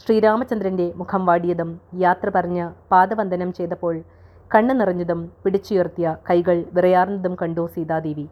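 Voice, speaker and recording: Low-voiced woman narrating a story. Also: steady tone, moderate pace, darkish tone. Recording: dull lo-fi recording.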